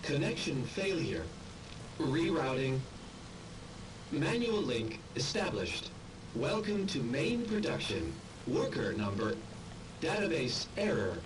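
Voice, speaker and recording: A calm machine computer voice of a small helper drone, polite and glitchy as it repeats its set phrases. The voice sits a little high and slow, with a lively rise and fall. It comes from a video game, heard at a distance over a noisy background. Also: male voice.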